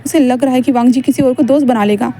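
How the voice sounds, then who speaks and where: A woman's voice: high voice, fast talker, dark tone. A woman voicing a tender elderly grandmother comforting a child. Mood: worried. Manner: comforting, cooing.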